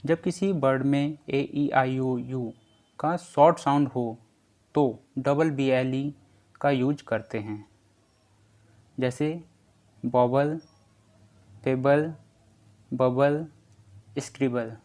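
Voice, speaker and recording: Drawing out each letter sound, this patient English pronunciation teacher walks through a spelling lesson slowly and repeats himself often. He speaks in a steady, mid-range voice with a slightly mellow quality.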